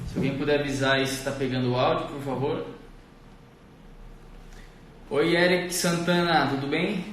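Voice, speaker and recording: A man's voice: fairly high pitch, a little hiss or hum. A man hosting a live stream, chatting casually and greeting viewers by name in an upbeat way. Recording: echoey room, far from the mic.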